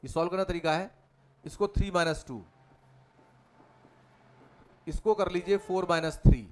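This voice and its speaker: Fairly high-voiced male maths tutor. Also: moderate pace. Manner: talks students step by step through working out each problem. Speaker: mathematics tutor. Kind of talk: whiteboard problem-solving lecture.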